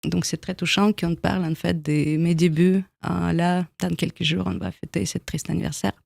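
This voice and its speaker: A woman in her thirties speaks French with a Russian accent, her voice gravelly with vocal fry. She answers at a measured, halting pace, stopping often to search for words. The studio sound is dry and close. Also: fairly low pitch, flat delivery, a little mellow, dry recording. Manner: thoughtful, halting, with many pauses and small grammar slips. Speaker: guest, documentary filmmaker. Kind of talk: radio interview. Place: radio studio.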